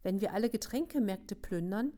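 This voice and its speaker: A woman's voice: medium pitch, lively intonation, moderate pace, warm tone, natural voice. A woman reading aloud, voicing a practical girl who argues and pushes. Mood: reasoning.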